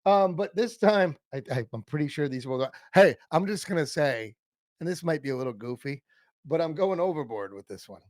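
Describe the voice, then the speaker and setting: A man's voice: fairly high pitch, animated, normal speed, darkish tone, dry recording. A man co-hosting a casual fan podcast about an old TV show, rambling and self-interrupting, laughing often. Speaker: podcast co-host.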